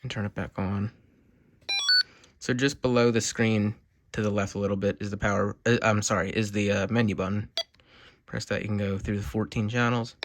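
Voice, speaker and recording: In a homemade video with clear background noise, a man at an indoor desk gives a relaxed, unscripted product review, talking hesitantly and rambling. His voice is on the low side, steady in tone, at normal speed.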